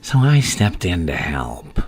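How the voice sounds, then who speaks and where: A man playing a gleefully insane, menacing supervillain clown in an ASMR roleplay, with a gravelly, breathy half-whisper and a taunting, theatrical delivery. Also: sits low, big pitch swings, exaggerated voice. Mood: morbidly amused. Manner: slow, taunting, theatrical, swinging between murmurs and louder bursts. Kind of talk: ASMR roleplay monologue addressed to the listener.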